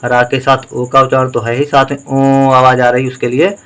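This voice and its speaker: A man teaching handwriting, slowly sounding out each syllable and vowel sign in a patient dictation. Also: medium pitch, flat delivery, a bit bright. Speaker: Hindi writing teacher. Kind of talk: slow spelling dictation lesson.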